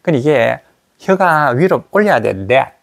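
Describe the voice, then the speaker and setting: A man teaching an English grammar class, repeating English words slowly to model their sounds for students in a small classroom. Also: medium pitch, animated, gravelly.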